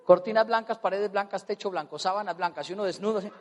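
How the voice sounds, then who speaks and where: A Colombian man telling a personal story as a motivational speaker, animated and comic, acting out voices. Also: high voice, fast talker, long reverb tail, a little hiss or hum. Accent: Colombian Spanish. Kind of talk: storytelling talk on stage.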